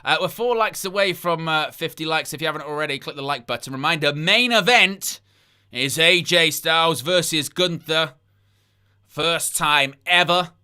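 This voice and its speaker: A wrestling livestream host with a fairly high, pushed and bright voice speaks at a moderate pace, his tone clear and resonant. He rambles through incredulous asides during a live watchalong, reading chat comments aloud between plugs for likes.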